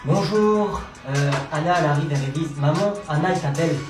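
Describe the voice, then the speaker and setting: A performer in comedy sketches, bantering in lively slang and hopping between playful characters. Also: medium pitch, a little fast, roomy sound, over music.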